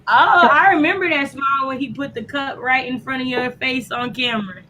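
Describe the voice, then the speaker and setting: A woman hosting a relaxed crochet livestream, upbeat and chatty as she reads out viewer comments. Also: sits high, fairly quick, slight background noise, low-quality recording. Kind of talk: casual chat.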